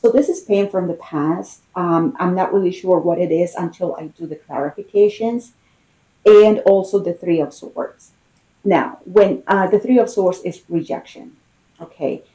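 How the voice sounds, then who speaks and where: A woman giving an intimate tarot reading in a casual, conversational manner, with unhurried, drawn-out emphasis and a mellow, soft-edged voice. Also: fairly low pitch, highs cut off. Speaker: tarot card reader.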